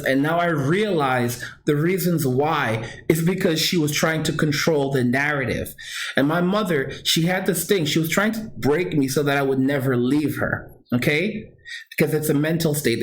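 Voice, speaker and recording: In a somewhat high voice at a moderate pace, a man vlogs a personal story to his viewers. He is earnest and emphatic, circling back to repeat points and correcting himself and restarting as he goes.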